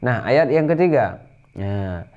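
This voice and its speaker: A man teaching tajwid, explaining rules briskly and then reciting verses slowly in a higher chant. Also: expressive, darkish tone, muffled recording.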